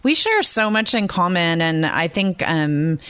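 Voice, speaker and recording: A woman's voice: on the low side, sing-song, unhurried, clean tone, no echo. Enthusiastic woman podcast host. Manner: warm, enthusiastic, many fillers. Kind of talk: casual interview talk.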